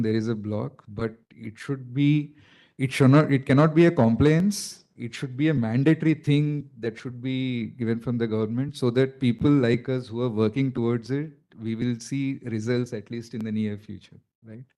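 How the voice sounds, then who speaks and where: A man's voice: medium pitch, fairly even intonation, normal speed, dark tone. A man with a South Indian accent speaking as a panelist at a conference, explaining in a conversational way with many "you know" fillers.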